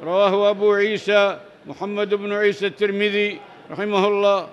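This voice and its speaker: A man's voice: high-pitched, flat delivery, a little fast, muffled recording. A man teaching a religious lesson, reading narrator chains and texts aloud, then explaining them in plain words and adding short prayers. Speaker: Islamic teacher reading hadith.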